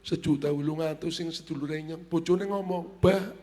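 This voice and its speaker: A man with a Brebes Javanese accent giving a humorous sermon, telling stories and acting out dialogue with shouts and laughs. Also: on the high side, steady tone, normal speed, faint music behind. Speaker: preacher. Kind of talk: humorous sermon at a family gathering. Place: large hall at a family gathering. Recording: long hall reverb.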